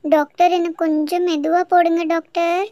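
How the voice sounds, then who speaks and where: A woman's voice: very high-pitched, flat delivery, moderate pace, dark tone, dry recording, studio quality. A woman voicing a little boy doll in a toy story who is scared of needles and pleads in a whiny voice. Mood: nervous.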